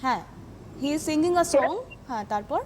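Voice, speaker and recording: A woman anchoring a live TV lesson, taking viewers' calls in a brisk, polite way. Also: sits high, expressive, slight background noise. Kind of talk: live TV phone-in hosting.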